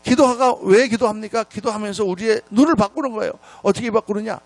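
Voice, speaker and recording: A middle-aged man preaching a revival sermon in a church, telling stories in an animated, scolding and then humorous way. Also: high-pitched, fast, no room sound. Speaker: pastor. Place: church sanctuary.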